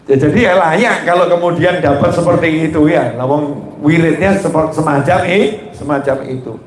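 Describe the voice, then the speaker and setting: A man preaches a sermon, and his voice sits fairly high for a man. He tells stories in a lively way, often breaking off mid-word and starting it again. The room is echoey and full of reverb. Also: normal speed, a little hiss or hum. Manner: lively storytelling, often cutting and repeating words.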